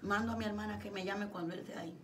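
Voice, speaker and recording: Bright, lively woman host. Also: mid-range voice, racing, slight background noise. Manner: lively, joking, colloquial. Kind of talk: chatty talk-show hosting.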